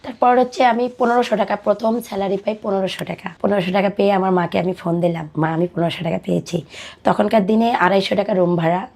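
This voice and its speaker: Speaking fast in a steady, mid-range voice that is creaky and darkish, a young woman from Dinajpur, Bangladesh, shares her life story as a podcast guest. She is in her twenties and retells what others said to her in a conversational way, over background music.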